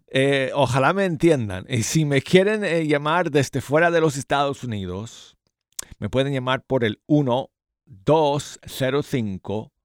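A man's voice: mid-range voice, clean tone, dry recording, studio quality. A man hosting a chatty live radio music show, his articulation slightly muffled by braces on his teeth, as if his mouth were full of marbles. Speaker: radio host. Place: radio studio. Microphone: studio microphone. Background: music playing behind the voice.

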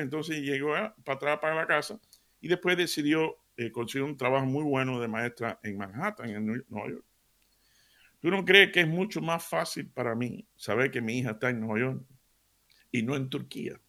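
A middle-aged radio preacher with vocal fry and a voice on the high side presents a devotional sermon. He tells stories with animation, laughing and voicing each line of dialogue.

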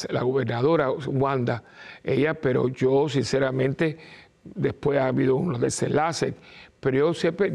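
Gravelly priest preaching. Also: male voice, mid-range voice, darkish tone, dull audio. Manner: emphatic, repeats short no's, acts out quoted voices. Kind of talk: informal preaching talk.

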